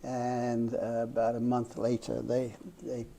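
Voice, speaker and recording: A man's voice: medium pitch, monotone, takes it slowly, creaky, mellow. An older Welsh-born man with an English accent, a guest author in a casual interview, rambling and self-deprecating. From Wales.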